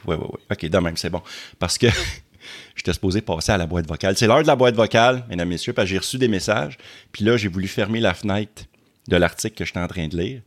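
A man from Quebec with a Québécois accent, hosting casually and stammering as he repeats words. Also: deep voice. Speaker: YouTube host. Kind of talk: casual chat.

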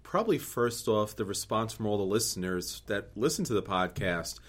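A man co-hosting a board game podcast, talking earnestly and upbeat, with lively quoted asides. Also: lowish voice, normal speed. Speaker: podcast co-host. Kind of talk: casual podcast talk.

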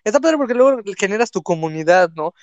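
With a high, expressive, slightly mellow voice, this young Mexican talks fast. He is a content creator with a Mexican Spanish accent, chatting casually on a live stream and rambling through many fillers and restarts. The recording is dry and the audio dull.

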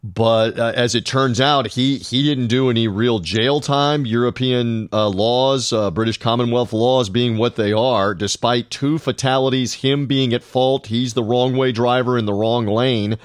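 A man's voice: medium pitch, a little slow, few pauses, no echo, clean studio sound. A man co-hosting a casual movie podcast, rambling with lots of hesitation and a sarcastic edge. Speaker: podcast co-host.

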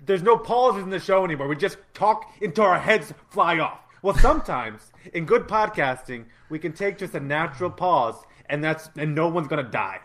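A man with a moderately high voice talks casually as a sports podcast host. His delivery is loose, conversational banter. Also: animated, moderate pace, hardly any pauses, fairly bright tone.

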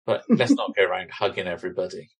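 Male podcast host, Bristolian accent, relaxed conversational delivery with a teasing edge. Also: sits low, quick pace, slightly rough. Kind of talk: casual, teasing chat.

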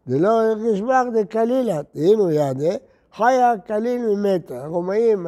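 A man's voice: high voice, mellow. An older rabbi who teaches Talmud. He chants the Aramaic text and then explains it in plain Hebrew.

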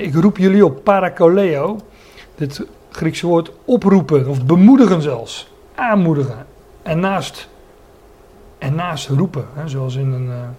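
A man's voice: a little high, a little mellow. A man preaching a Bible sermon, often stopping to search for words and restate a phrase, and explaining the meanings of Greek words.

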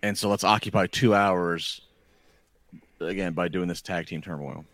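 Low-voiced man, dry sound. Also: fairly even intonation, moderate pace, a bit bright, no echo. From Maryland. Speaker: podcast co-host. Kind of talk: casual wrestling chat.

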